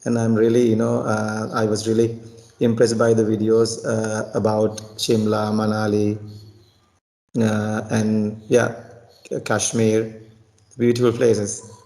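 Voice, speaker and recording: A man's voice: on the low side, completely flat delivery, slow, dark tone. Sri Lankan man, thirties-ish tutor, casual practice chat, hesitant with many restarts. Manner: hesitant, repeats words and restarts often. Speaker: tutor and teacher.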